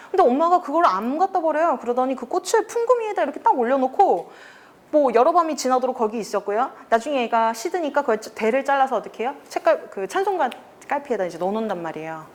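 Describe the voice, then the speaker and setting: A woman teaching a youth reading club, explaining a story scene by scene, acting out the characters' lines and asking the students questions. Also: high voice. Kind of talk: lecture with acted quotes.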